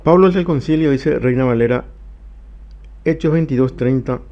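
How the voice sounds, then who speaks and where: A man leading a church Bible study, reading scripture passages aloud slowly and then explaining them. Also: mid-range voice, warm tone, lo-fi sound. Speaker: pastor.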